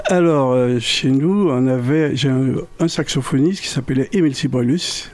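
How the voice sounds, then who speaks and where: An older man from French Guiana, a musician guest in a radio interview, speaking slowly and haltingly with many repetitions. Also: mid-range voice, darkish tone.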